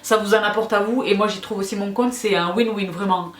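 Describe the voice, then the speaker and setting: Her medium-pitched voice is steady in tone and fairly quick, with slight background noise in an echoey, roomy recording. As a video host she chats casually and warmly with followers in a question-and-answer format, speaking emphatically and repeating phrases.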